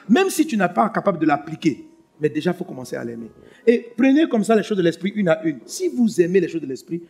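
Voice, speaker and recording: A pastor preaching a sermon, swinging between loud emphatic lines and hushed ones. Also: male voice, sits high, vocal fry, slightly rough.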